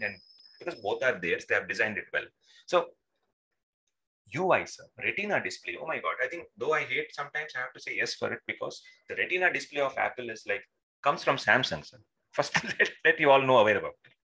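Bright-voiced man, teaching. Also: medium pitch, expressive, brisk, poor audio. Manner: addresses learners as sir, checks with short tag questions. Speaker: instructor. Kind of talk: live online technical lesson, informal and interactive. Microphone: video call microphone.

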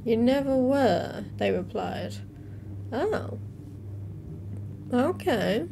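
A young adult woman with a slightly high, gravelly voice hosts a reaction video, drawing out her words and swinging widely in pitch. Between the captions she reads aloud, she adds informal interjections. The setting is a small room at home, and the recording has noticeable background noise.

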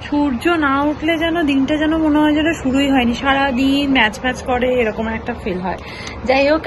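A woman's voice: high voice, background noise. A middle-aged Bengali woman from India, chatting casually to her viewers in a home vlog while doing chores. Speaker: vlogger. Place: home, balcony and kitchen, after a walk.

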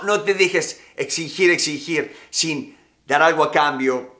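A man's voice: a little high, sharp tone. A man teaching negotiation tactics in casual, emphatic talk, often repeating his key phrases. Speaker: negotiation instructor.

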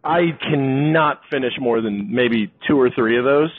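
A man's voice: mid-range voice, measured pace. A young man hosting a casual interview in a restaurant bar, playful and upbeat with lots of jokes. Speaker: show host. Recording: tinny phone-like sound, faint hiss.

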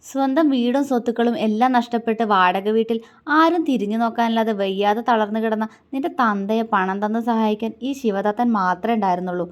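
A woman voicing a proud, bitter young husband who speaks in clipped, scornful questions, raised and forceful, in a storybook romance. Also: fairly high pitch, close to an everyday voice.

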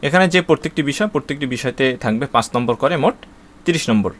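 A man from Bangladesh explaining an exam syllabus to students in a spoken lesson, reading out long lists steadily and pausing with frequent "uh" fillers and restarts. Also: medium pitch, lively intonation. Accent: Bangladeshi Bengali.

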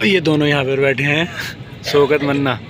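A man's voice: fairly high pitch, fairly even intonation, normal speed, a crowd in the background, noisy background. A young man casually vlogging, chatting and laughing with friends, first by a road and then inside an airport terminal. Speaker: travel vlogger. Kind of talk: casual travel vlog.

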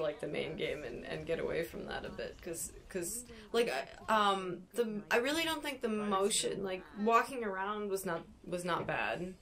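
A woman's voice: mid-range voice, fairly bright tone. A young adult woman chatting casually and conversationally about playing a VR game. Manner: conversational, laughs easily. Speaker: streamer's co-player. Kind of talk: casual chat about VR gaming. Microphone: binaural recorder, standing in VR headset.

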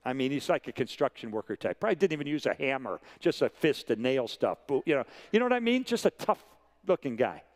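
This man, a guest preacher in his sixties, delivers a sermon full of animated stories and phrases he repeats for emphasis. He talks fairly quickly in a medium-pitched voice.

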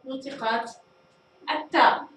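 A woman teaching a fifth-grade language lesson, explaining slowly and deliberately, repeating and drawing out words, and praising her pupils. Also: sits high. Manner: addresses pupils warmly, praises them. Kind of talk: recorded classroom lesson. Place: echoey school studio room. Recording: very echoey room, voice far from mic, faint noise.

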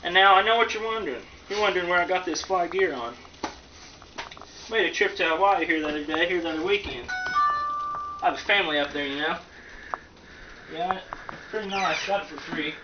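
The host of an amateur comedic cooking show, a man with a slightly high voice, rambles through a jokey how-to demonstration in his home kitchen. He talks at normal speed with long pauses, folksy and slangy. The audio is dull and lo-fi, captured from a little distance amid plenty of noise.

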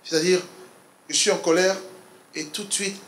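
A man leading an interactive church seminar on couples, quizzing his audience in an animated, laughing way. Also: high voice, moderate pace. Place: church hall. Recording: echoey church hall.

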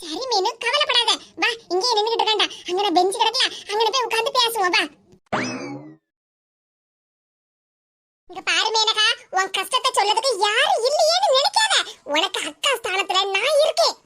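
A woman's voice: extremely high pitch, animated, quick pace, hardly any pauses, exaggerated voice. A woman voicing a scheming, sweet-talking village neighbor in a cartoon, with a Tirunelveli Tamil accent, muttering sly asides. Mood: coaxing. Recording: loud background noise.

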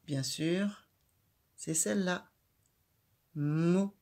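A woman teaching a child to read, speaking slowly and clearly and saying each syllable loudly. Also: low-pitched, expressive. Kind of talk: children's reading lesson.

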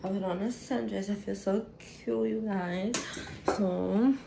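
Tipsy, creaky-voiced young woman. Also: mid-range voice, steady tone, unhurried, background noise. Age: young adult. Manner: rambling, sassy, profane. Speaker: beauty vlogger. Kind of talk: casual makeup tutorial chat.

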